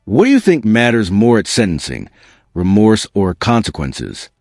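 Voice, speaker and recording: A man's voice: on the low side, huge pitch swings, moderate pace, darkish tone, dry recording, clean studio sound, faint music behind. A man giving scripted, dramatic legal commentary to viewers.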